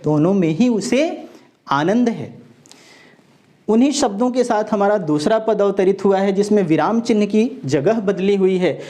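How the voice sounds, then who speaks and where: Slow, deliberate Hindi grammar teacher, man. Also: sits high, mellow. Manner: slow, deliberate explanation, repeating each point; recites verse lines slowly and with stress. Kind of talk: exam-prep lecture.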